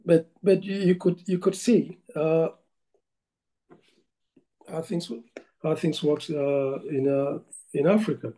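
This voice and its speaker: A middle-aged man from Cameroon, a football coach, answering interview questions over a video call, pausing often with fillers and restarts. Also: a little high, level tone, dark tone, poor audio. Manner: hesitant, many fillers and restarts. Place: indoor room at home. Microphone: video call laptop mic.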